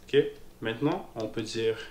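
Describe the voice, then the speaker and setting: A Moroccan Arabic teacher gives a casual spoken-language lesson, hesitating, repeating himself, and frequently checking in with "ok?". His voice is on the low side, animated and a little slow. The room is echoey with faint noise.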